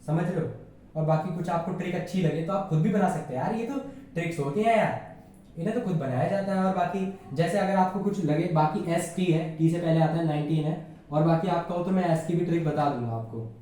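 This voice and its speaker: A man's voice: on the high side, brisk, mellow, a little hiss or hum. A man teaching an exam-prep reasoning lesson in a casual, chatty way, often checking whether his listeners follow along. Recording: very echoey room, voice far from mic.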